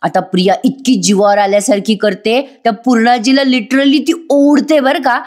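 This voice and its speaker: A woman's voice: a little high, normal speed, a little mellow. A woman giving a casual voice-over review of a TV serial, chatting directly to her viewers.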